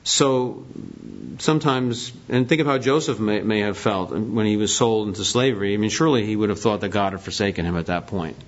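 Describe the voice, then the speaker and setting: A man's voice: on the low side, brisk. Man teaching a Bible class, lo-fi. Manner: conversational, asks the class questions. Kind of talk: Bible study lesson. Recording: dull lo-fi recording.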